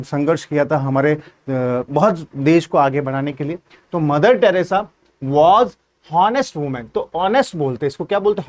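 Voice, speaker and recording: A man with a Hindi accent gives an exam-prep grammar lesson, working through it step by step and posing questions he answers himself. His voice is high.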